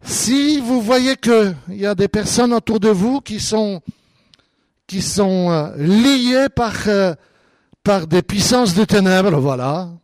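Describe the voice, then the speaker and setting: A man preaching a sermon as a pastor, animated, acting out the voices of believers. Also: sits high, slow pace, dry recording.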